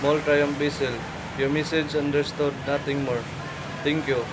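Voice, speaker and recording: Man playing monotone port radio operator in loud hiss. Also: fairly high pitch, moderate pace, close to an everyday voice. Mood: formal, businesslike. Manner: formal, clipped radio phrasing. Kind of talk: scripted maritime radio procedure exercise. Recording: loud hissing, rain-like noise throughout.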